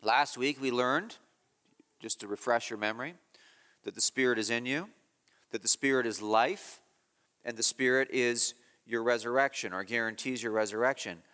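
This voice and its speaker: A man's voice: medium pitch, moderate pace, pushed and bright, in a large hall. A man preaching an expository sermon, emphatic and repetitive, rising sharply on key phrases. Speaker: pastor.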